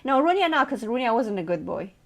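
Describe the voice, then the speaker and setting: Female streamer, slightly high voice, casual teasing chat with viewers, frequent laughs. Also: very animated, fast talker. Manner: playful, laughs often, teasing.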